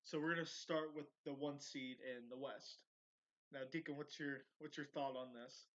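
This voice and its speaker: A man's voice: fairly high pitch, fairly even intonation, normal speed. A man hosting a casual sports podcast who swears in banter, then talks through his picks steadily. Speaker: podcast host. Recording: dull lo-fi audio.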